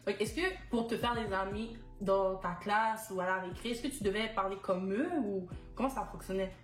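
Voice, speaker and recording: Hosting a relaxed talk show panel, this Quebec-born young woman asks earnest questions and shares personal stories. Her mid-range voice moves at a normal speed with fairly even intonation, in an echoey room with gentle music behind her.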